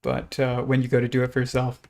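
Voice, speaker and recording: A man hosting a casual livestream in a halting, rambling way, with pet lizards scratching in the background. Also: medium pitch, big pitch swings, creaky, darkish tone. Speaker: live stream host.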